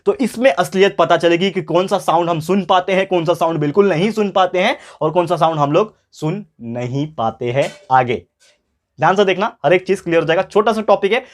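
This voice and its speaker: A man tutoring a school science class, talking to viewers as friends, repeating key points and speaking a little louder than normal to stay clear. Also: high-pitched. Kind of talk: online science lesson.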